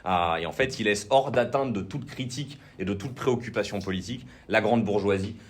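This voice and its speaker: A man's voice: fairly low pitch, brisk, slight background noise. A man with a French accent giving an informal political training talk, hesitant, with many fillers and restarts. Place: indoor training session room.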